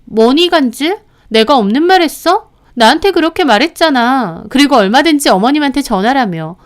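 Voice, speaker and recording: A woman's voice: sits high, lively intonation, moderate pace. A woman voicing a smug older sister-in-law who needles and denies.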